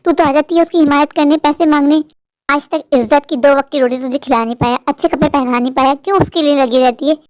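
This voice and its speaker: A woman's voice: high-pitched, fairly even intonation, fast, darkish tone, no echo, clean studio sound, voice pushed down, close to an everyday voice. A woman voicing a harsh, scolding wealthy employer in a cartoon, talking down with contempt. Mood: scornful. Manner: contemptuous, lecturing. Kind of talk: cartoon voice-over.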